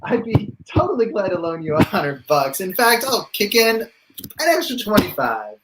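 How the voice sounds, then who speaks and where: A man improviser playing a scene, animated and playful in character. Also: high-pitched, moderate pace, noisy background. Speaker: improv player.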